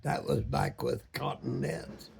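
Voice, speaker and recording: A very old man, over a hundred, a former boat captain reminiscing in a halting way, searching for words with long pauses and many ums. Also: medium pitch, huge pitch swings. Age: over 100, very old man. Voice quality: very aged, gravelly, husky voice. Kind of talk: slow reminiscing storytelling.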